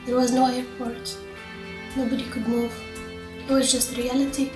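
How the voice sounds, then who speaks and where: A woman in her thirties from Yemen, telling her story in plain, halting testimony. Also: fairly high pitch, little pitch movement, reverberant, music in the background. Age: 30s. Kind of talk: personal testimony.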